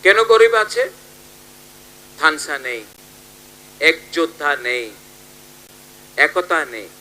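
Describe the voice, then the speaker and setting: A man speaking at a political rally, swinging between loud appeals and quieter asides to the crowd. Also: on the high side, very animated, slow pace, rough recording. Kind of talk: rally speech.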